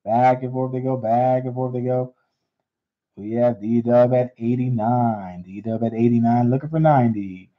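A man hosting a live coin auction, repeating bids in steady auctioneer patter. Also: medium pitch, a little slow. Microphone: unseen, hands on camera. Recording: dull lo-fi stream audio.

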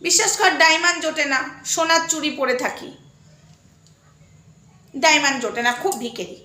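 A woman vlogger pours out a mocking, sarcastic rant aimed at a rival, jeering and scolding as she goes. Her voice sits high and sounds bright and sharp. The echo of a bare room rings around her. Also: moderate pace. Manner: heated, spits and jeers.

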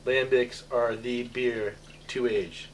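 A man's voice: medium pitch, fairly even intonation, takes it slowly, crowd noise. A middle-aged man, a beer bar owner, chatting enthusiastically and laughing often while giving a tour of his basement cellar. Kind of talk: casual chat. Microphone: on-camera mic of a handheld camcorder. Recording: noisy camcorder audio.

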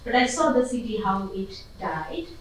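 A woman from Bangladesh, an audience member, offers a question-and-answer comment in a community conference room, speaking haltingly and leaning often on "like." Her voice is mid-range and sing-song. A far camera picks her up, so the sound is echoey and distant with faint hiss.

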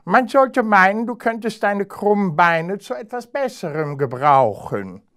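A man voicing a haughty, mocking male hare in a fairy tale reading, in a high sneering voice with scornful laughs. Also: very animated, a little slow, fairly bright tone, full character voice.

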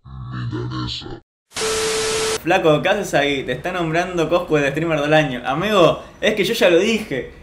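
A man's voice: a little high, normal speed, hardly any pauses, noisy background. A man with an Argentine accent, a streamer chatting casually and ranting jokingly to his chat. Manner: joking, mock-boastful rants to chat. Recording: roomy echo.

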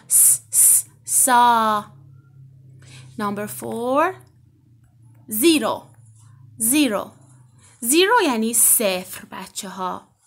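A woman teaching an alphabet lesson to children, gently and encouragingly, stretching out example words slowly and clearly. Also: on the high side. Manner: slow, drawn-out, clearly enunciated example words.

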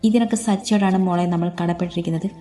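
A woman voicing a caring brother who gently soothes his frightened sister. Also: on the low side, steady tone, fast, soft background music, lightly acted. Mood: soothing.

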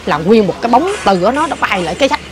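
An older woman, telling a ghost story in casual chat, animated and repetitive. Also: a little high, fast, background noise. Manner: animated, repeats herself, points things out.

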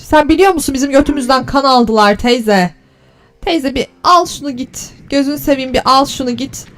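A woman's voice: high voice, normal speed. Exasperated woman cursing through a let's play. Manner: exasperated, cursing and bantering at the game's creatures; teasing mock flattery. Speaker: gaming channel host.

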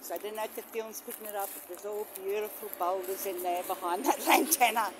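A middle-aged woman who vlogs about her spiritual practice talks a little fast at medium pitch with fairly even intonation, rambling with gentle enthusiasm and exclamations. She records herself in the bush and a shallow rock cave using a phone on a selfie stick with a mic. The sound is noisy, carrying traffic ambience.

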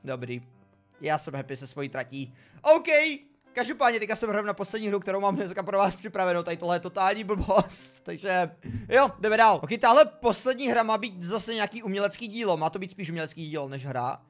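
A man giving excitable, exclamatory let's play commentary while talking to his viewers. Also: high voice. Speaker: gaming video creator. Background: faint background music.

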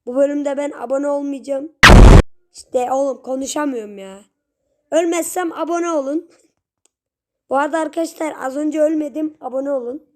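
A young woman giving casual gameplay commentary, chatty with her viewers and prone to sudden shrieks and yells at the game. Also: high voice, moderate pace, long pauses, slight background noise. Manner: chatty, talks straight to viewers. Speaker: gaming channel host.

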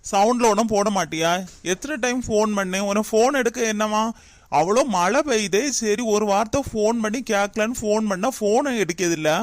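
A man's voice: sits high, brisk, no echo, studio quality, lightly acted. A man voicing a fussing young married daughter in a cartoon. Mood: complaining. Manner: complaining, fussing. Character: young married woman Chittu, worried daughter. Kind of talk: cartoon voice acting.

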